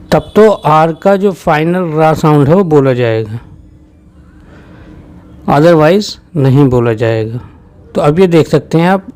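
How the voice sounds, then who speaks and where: Patient Hindi-speaking English teacher, fairly high voice. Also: male voice, a little mellow. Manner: patient, repetitive, spells out sounds slowly. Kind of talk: explanatory lesson.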